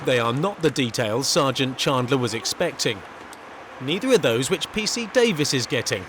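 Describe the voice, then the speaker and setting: A man reading measured, dramatic voice-over for a police documentary. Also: medium pitch, lively intonation, background noise. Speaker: documentary narrator. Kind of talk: scripted documentary narration.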